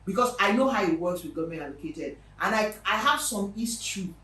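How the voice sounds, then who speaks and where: A woman's voice: mid-range voice, fairly quick, reverberant, far from the mic, low-quality recording. A Nigerian woman hosting a real estate show, talking casually to her viewers with emphatic repetition. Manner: lively and chatty, with emphatic repetition.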